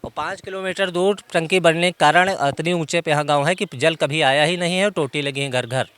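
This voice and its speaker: A man's voice: fairly high pitch, fairly quick, fairly bright tone, clear, resonant tone, no echo. A man from the village answering a reporter outdoors, laying out facts and figures in detail. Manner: informed, explains in detail. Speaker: villager interviewee. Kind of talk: outdoor interview.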